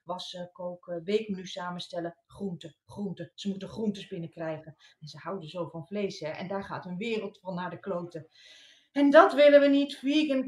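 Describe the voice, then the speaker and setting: A woman performing a comic monologue as a worn-out mother, swinging between loud outbursts and mutters. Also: fairly low pitch. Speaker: comedian performing a sketch. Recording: roomy echo.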